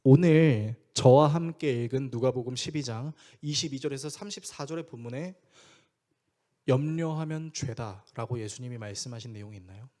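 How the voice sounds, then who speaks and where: A man's voice: normal speed, dark tone. A man preaching a sermon as pastor, speaking conversationally and asking the congregation questions. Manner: acts out quoted voices with big pitch swings.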